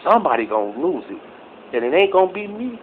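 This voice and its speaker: A middle-aged man ranting casually into his phone camera, profane and rambling, with loud outbursts and low mutters. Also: very animated, fast, slight background noise. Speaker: vlogger. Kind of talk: casual angry rant to camera. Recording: slightly dull phone recording.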